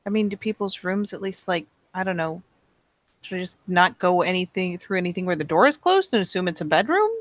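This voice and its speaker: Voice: medium pitch, lively intonation, a little fast, a bit bright, no room sound. A player in a tabletop game, asking curious, hesitant questions.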